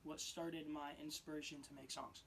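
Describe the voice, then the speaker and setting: A raspy-voiced teenage boy rambling casually into his phone camera, restarting sentences and swinging between loud and quiet. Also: fairly high pitch, little pitch movement, normal speed. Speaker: vlogger. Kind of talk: casual unscripted vlog.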